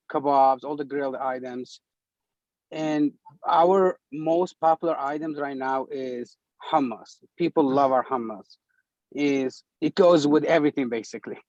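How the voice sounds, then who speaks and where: A man from Turkey with a fairly high voice explains his dishes in an eager, earnest way. The sound is dry and a little dull. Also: darkish tone, dry recording. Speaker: restaurant owner. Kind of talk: casual interview talk.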